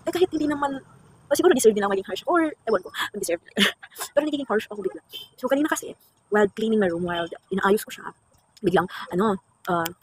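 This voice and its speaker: A woman vlogger rambling in a casual, self-reflective monologue, slipping English words into her talk. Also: a little high. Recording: loud vehicle noise behind.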